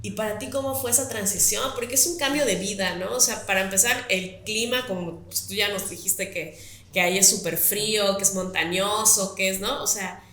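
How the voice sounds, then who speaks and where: A woman interviewing a guest in a relaxed chat, asking follow-up questions and laughing often. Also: mid-range voice, moderate pace, echoey room, slight background noise.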